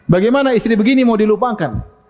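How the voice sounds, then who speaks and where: A man's voice: sits high, animated, fast talker, a little mellow, long reverb tail. A man preaching a sermon, telling stories with humor and acting out the people he quotes. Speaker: Islamic preacher.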